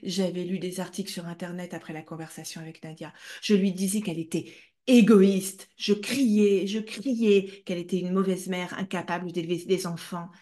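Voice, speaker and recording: A woman's voice: lowish voice, fairly even intonation, normal speed, warm tone. A woman hosting a book club, reading a novel aloud with dramatic, emotionally charged delivery.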